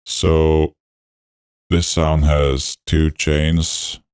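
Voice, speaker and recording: A man talking through a voice changer that deepens his voice. He hosts a music production tutorial, narrating each step in a laid-back, technical way with frequent fillers. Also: little pitch movement, very slow, darkish tone, clear, resonant tone, no room sound, studio quality. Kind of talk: walkthrough narration over a screen recording.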